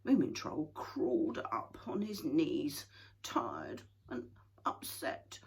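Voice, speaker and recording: A woman reading a children's story aloud in an expressive, dramatic way. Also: sits low, takes it slowly, vocal fry, breathy edge.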